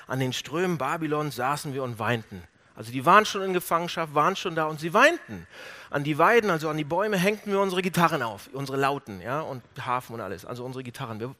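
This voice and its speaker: Guy preaching, lively and bright, acts out the voices he quotes, goes big then drops low. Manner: animated, acts out quoted voices with big swings in pitch and loudness. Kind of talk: sermon.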